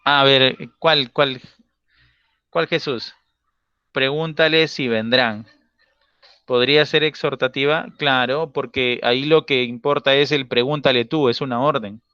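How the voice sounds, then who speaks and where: A man teaching a grammar class online, explaining patiently and checking often with quick tag questions. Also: mid-range voice, steady tone, bright, forceful tone, clean tone, dry recording, lo-fi sound.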